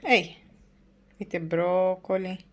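A woman filming a casual home vlog, talking to her toddler in coaxing, doting baby talk and signing off softly. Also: fairly even intonation, vocal fry. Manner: soft, low-key sign-off. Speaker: family vlogger.

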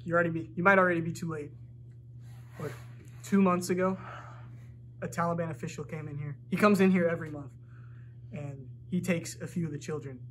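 A man's voice: on the high side, steady tone, fairly quick, pauses often, a little hiss or hum, lightly acted. A young man playing a defensive orphanage director in an amateur fan film, explaining at length in a meeting hall, recorded on the camera mic. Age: young adult.

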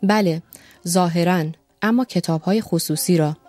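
A woman reading a calm, measured doctor. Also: lowish voice, faint music behind, natural voice.

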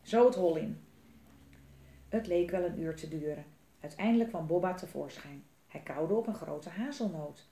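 A woman's voice: on the low side, normal speed. Woman reading a storybook, echoey. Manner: lively, expressive reading. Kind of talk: reading a children's book aloud.

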